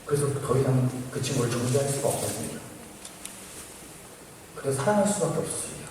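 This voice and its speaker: A young man tells his missionary testimony quickly, his pitch jumping about as he acts out what people said. He sounds far from the microphone, with a long echo filling the big church hall. Faint room noise sits underneath. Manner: animated storytelling, acting out quoted speech. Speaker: apprentice missionary giving testimony. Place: large church sanctuary.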